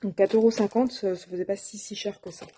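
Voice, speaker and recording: A woman's voice: medium pitch, steady tone, a little fast, mellow. A woman presenting her shopping haul of craft supplies in a casual, hesitant way, with many fillers and self-corrections. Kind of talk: casual show-and-tell.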